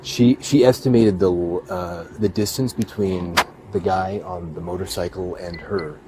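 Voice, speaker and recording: A man with a very low voice works as a police officer, asking questions in a casual, low-key way. He stammers over his opening words and sounds tentative. The bodycam recording is noisy, with vehicle sounds outdoors. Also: steady tone, a little slow. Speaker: police officer investigating a crash. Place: outdoors at a roadside. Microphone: police body camera. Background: traffic and outdoor ambience.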